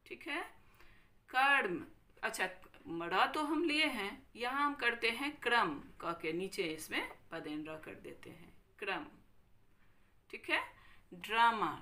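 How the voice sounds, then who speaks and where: A woman teacher with a Bihari Hindi accent giving a recorded grammar lesson, slowly repeating each word and checking in with her students. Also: mid-range voice, bright, forceful tone. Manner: slow, careful, repeats each word and checks with "thik hai".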